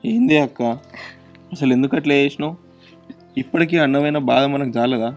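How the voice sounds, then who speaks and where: A man playing a worried young brother with a Telangana Telugu accent. He talks fast and urgently, pressing with questions and then reassuring. His voice is slightly high, with music under it. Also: darkish tone, lightly acted.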